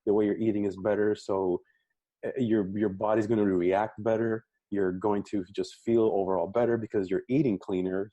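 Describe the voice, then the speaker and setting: A man's voice: fairly low pitch, dark tone, no echo. A man hosting a fitness podcast, chatting casually and affirming his guest, often repeating words as he thinks. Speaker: podcast host and coach. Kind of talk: casual interview chat.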